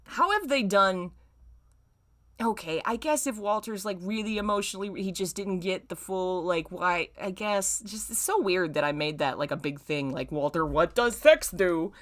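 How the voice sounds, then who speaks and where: Another online fan fiction reading features a woman host who narrates with drama and then interrupts herself with offhand, self-deprecating comments. She speaks at normal speed in a medium-pitched, slightly bright voice.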